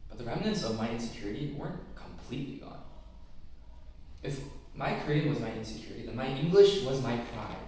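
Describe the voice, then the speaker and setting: A man's voice: medium pitch, darkish tone, slight background noise. A teenage boy with a West Coast American accent, giving a reflective prepared talk as a student speaker. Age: teens. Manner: reflective, measured storytelling. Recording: very echoey room, mic at a distance.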